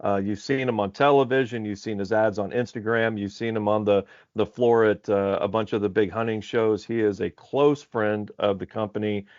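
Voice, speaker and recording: Male podcast host from Alaska, low-ish voice, upbeat rambler, dry dull sound. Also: fairly even intonation, moderate pace, a little mellow, no room sound. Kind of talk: casual podcast interview. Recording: slightly dull lo-fi audio.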